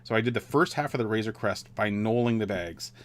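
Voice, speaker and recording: Low-voiced man chatting on a stream. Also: fairly quick. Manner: rambling, relaxed, many fillers and restarts. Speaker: streamer building a model kit. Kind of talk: casual live-stream chat.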